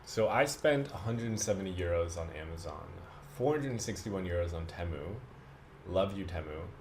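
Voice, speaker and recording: A man chatting casually and unscripted for a vlog, rambling and halting, with self-deprecating asides. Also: deep voice, lively intonation, background noise. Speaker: vlogger.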